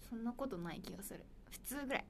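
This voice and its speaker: A young woman with a Kansai accent hosting a casual livestream, chatting brightly and answering viewer comments, often dropping into soft, near-whispered asides. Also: a little high, animated, rapid-fire, slight background noise. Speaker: idol livestream host.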